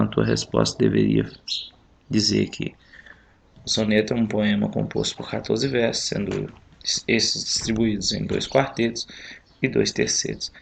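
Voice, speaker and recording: Brazilian guy teacher, super gravelly fry voice, walks thru test answers step by step. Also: on the low side, a little hiss or hum. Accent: Brazilian Portuguese. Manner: explains step by step, counts syllables aloud. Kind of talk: recorded lesson, going over a test. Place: home.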